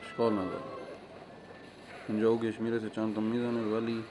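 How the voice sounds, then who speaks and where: A man giving live commentary on his own mobile game match, talking to himself and his opponent, with sudden excited outbursts. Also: on the low side, background noise. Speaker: gaming streamer.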